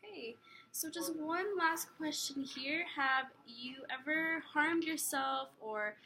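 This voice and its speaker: A young woman with a high, bright voice works through a role-played phone counselling interview. She phrases questions tentatively and checks back on answers, with noise audible behind her. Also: slow. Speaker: counsellor intake worker in a practice role play. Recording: clear background noise, room ambience.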